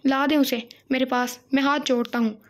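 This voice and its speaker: A woman voicing a grief-stricken, violent young man with a breathy, half-whispered delivery. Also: high-pitched, fairly even intonation, moderate pace, lightly acted. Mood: sobbing pleading.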